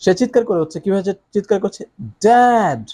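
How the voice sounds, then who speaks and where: A male English teacher walks learners through reading a story aloud. His voice sits a little high, and he keeps checking in with tag questions. When he reads lines out, he draws them out slowly with big, exaggerated expression. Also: mellow. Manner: often asks tag questions to the viewer. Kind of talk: explaining how to read a story aloud.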